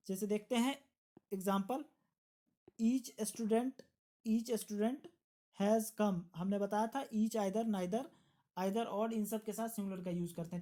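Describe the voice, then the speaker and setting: A woman with an Indian accent teaching an online grammar lesson for exam students. Her voice is mellow and warm, and her pitch sits in a middle range. She explains each rule patiently and repeats the key examples. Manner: explains step by step, repeats key words, mixes English terms into Hindi.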